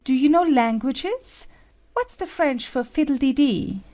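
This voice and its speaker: A woman playing an imperious, snappish Red Queen in a dramatized storybook, brisk, bossy and quick to contradict. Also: high-pitched, lively intonation, dark tone. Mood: haughty, bossy. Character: imperious, snappish Red Queen, a haughty chess-piece monarch. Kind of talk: dramatized audiobook acting.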